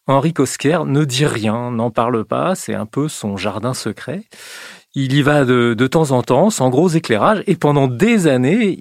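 A science journalist explaining a story on a podcast, a man who talks in a measured way with frequent hesitations. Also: medium pitch, a little mellow, dry recording, clean studio sound.

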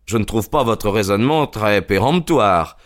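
A man playing the detective's companion, narrating the story in a steady, measured way for an audio drama. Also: fairly low pitch, lightly acted. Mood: doubtful. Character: sober male companion narrating the case.

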